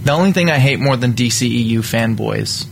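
A man hosting a casual podcast chat, excitable and teasing. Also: mid-range voice, fairly quick, gravelly, soft background music. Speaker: podcast host.

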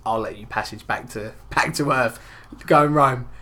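A man's voice: mid-range voice, moderate pace, pushed and bright. A man hosting a podcast, rambling through crude, swearing banter and laughing often.

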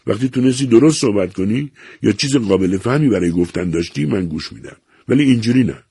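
A man voicing a cold, measured woman who speaks firmly and without mercy, in an audiobook reading. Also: lowish voice, lively intonation, warm tone, breathy edge, dry recording, studio quality, voice pushed up. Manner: measured, firm, unyielding. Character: cold, measured estranged wife.

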